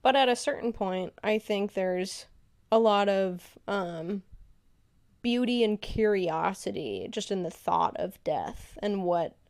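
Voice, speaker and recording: A woman co-hosting a podcast in casual chat, musing reflectively with many pauses and filler sounds. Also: mid-range voice, lively intonation, a little mellow. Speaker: podcast co-host.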